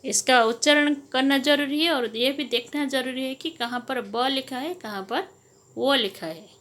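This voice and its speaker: A woman's voice: high-pitched, measured pace, fairly bright tone. A woman teacher, a native Odia speaker, giving a grammar lesson and explaining each numbered point by moving between Hindi and Odia.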